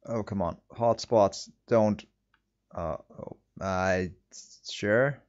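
Low-voiced man muttering game commentary. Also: lo-fi sound. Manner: halting, muttering, thinking aloud. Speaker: video game streamer. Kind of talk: casual play-through commentary. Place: small home room.

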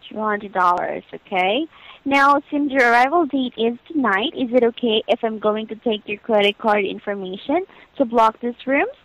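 Heard through a telephone line in a muffled, low-fidelity call, a woman answers as a hotel booking agent. Her voice is slightly high and fairly bright, at a normal speed with no echo, and she politely, patiently recites customer-service lines.

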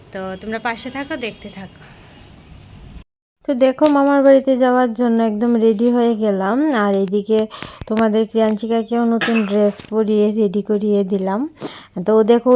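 A woman's voice: fairly high pitch, noisy background. A young mother from West Bengal, narrating her day at home in a casual, homely vlog voice-over. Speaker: vlogger, mother.

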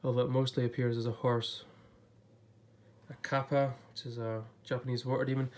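A YouTuber sits at a table in front of a blue backdrop, casually flipping through a book for a review vlog. Still getting over an illness that leaves his voice a bit off, he chats enthusiastically and thinks aloud with frequent restarts, his mid-pitched, slightly mellow voice moving fairly quickly with little pitch variation.

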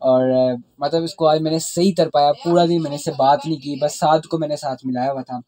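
A man's voice: a little high, brisk, poor audio. A young man from Pakistan chatting casually in a village vlog, then signing off to viewers. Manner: excited, laughing, talks over friend. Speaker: vlogger.

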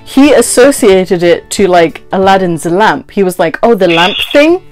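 Poor audio and faint background music frame this mid-range, slightly slow female voice. A vlogger in her twenties, she sits in a small bedroom indoors and casually recounts a story with lively quoted dialogue, acting out the conversations and often saying "like."

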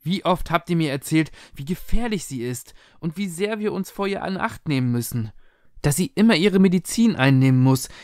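A man voicing a frightened teenage daughter who talks high, excited and breathless, in a spoken storybook reading. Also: no room sound, clean studio sound, natural voice.

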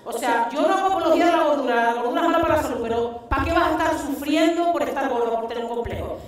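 A middle-aged woman with a Canarian Spanish accent performing stand-up comedy, telling stories in an animated, earthy, blunt way and acting out exchanges. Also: high voice, very fast. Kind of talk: stand-up comedy monologue to a live audience. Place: theatre stage, indoors. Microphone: headset microphone. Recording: echoey hall, distant stage sound.

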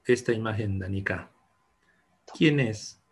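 Slow, husky male teacher. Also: lowish voice. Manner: patient, encouraging, mixes English and Spanish. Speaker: English teacher. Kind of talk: online class for children. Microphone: video call.

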